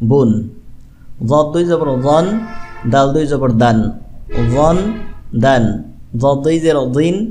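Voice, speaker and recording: A man with a Bangladeshi Bengali accent teaching Quran letter pronunciation, repeating each sound slowly and precisely in a drilled lesson. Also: fairly high pitch, darkish tone, a little hiss or hum.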